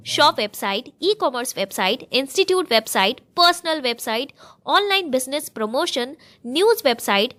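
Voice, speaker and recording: Lady doing a brisk ad read, high pitched, sharp bright tone. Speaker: ad announcer. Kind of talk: read advertisement.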